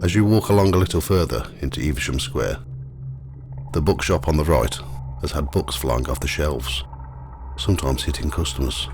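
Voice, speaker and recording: A man narrating a scripted ghost walk as the guide, telling the stories in a measured, matter-of-fact way. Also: rumbling low. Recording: clearly noisy, ambient sound behind.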